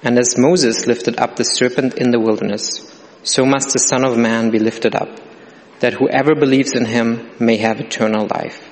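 A man's voice: mid-range voice, steady tone, normal speed. A man solemnly reading the gospel aloud during a church service, his voice carried by a cathedral echo. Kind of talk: liturgical scripture reading. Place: large church sanctuary. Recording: long church reverb, heard from a distance.

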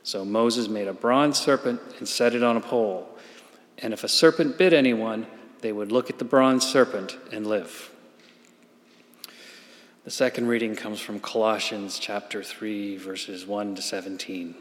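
A man reading scripture formally in measured, solemn phrases, his voice echoing as in a cathedral. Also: fairly low pitch, steady tone. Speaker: scripture reader. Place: large church. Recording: cathedral-like echo, long church reverb.

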